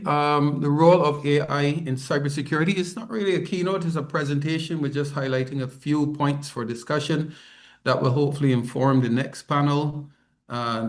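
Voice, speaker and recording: A man from Barbados, giving a conference presentation as head of a regional organization over a remote video call. He talks conversationally, with frequent ums and self-corrections. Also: on the high side. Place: office, not the venue.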